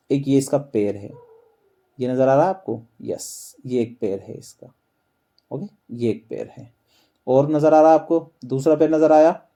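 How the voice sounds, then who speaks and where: Medium in pitch and dark in tone, a male voice explains a map lesson with memory aids, repeatedly posing questions to his listeners before supplying the answers himself.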